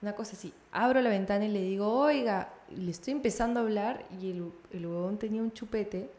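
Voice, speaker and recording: A young woman with a Peruvian Spanish accent telling a road story in casual chat, animated and often laughing. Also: mid-range voice, fast talker. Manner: animated, laughing, acts out voices in her anecdotes.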